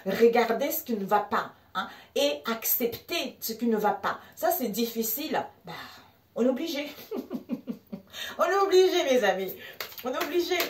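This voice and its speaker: Une femme à l'africain francophone qui fait un tirage de tarot en direct, bavarde et animée, s'adressant à ses amis spectateurs. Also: female voice, fairly high pitch, echoey room, far from the mic. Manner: animated, laughs often, addresses viewers as friends. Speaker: tarot card reader. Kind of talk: live tarot reading chat.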